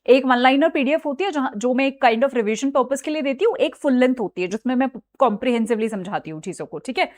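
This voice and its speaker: A high-pitched young woman teaches an online exam-prep class in a chatty, direct way. She drops English phrases into her sentences and keeps asking her students whether they're following along. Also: lively intonation, a little fast, hardly any pauses, a little mellow. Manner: chatty, mixes Hindi with English phrases, repeats "ठीक है?".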